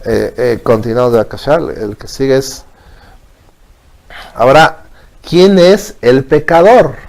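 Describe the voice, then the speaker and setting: A man gives a religious lesson in a patient, explaining way. He keeps checking in with his listeners as he goes. His voice sits at an ordinary middle pitch for a man. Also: takes it slowly, creaky, darkish tone. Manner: explains patiently, asks "¿bien?" often. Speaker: teacher. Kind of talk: religious teaching.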